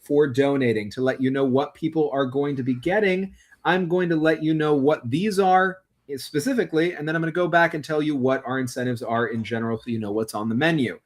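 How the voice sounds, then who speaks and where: A man's voice: a little high, steady tone, a little fast, hardly any pauses. A man hosting a livestreamed tabletop game as game master, upbeat and explanatory, addressing the chat directly. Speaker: game master and stream host.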